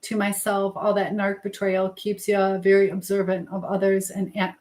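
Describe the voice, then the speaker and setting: With a medium-pitched, darkish voice and a totally flat delivery at normal speed, this middle-aged Michigan woman runs a casual livestream. She reads viewer comments and responds with encouragement. Chatty by nature, she keeps hopping between ideas before finishing them.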